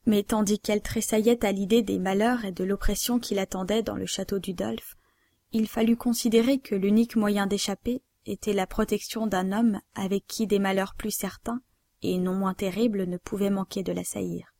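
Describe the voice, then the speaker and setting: A woman narrating a novel aloud in a measured, even way. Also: medium pitch, gravelly, dry recording. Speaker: audiobook narrator.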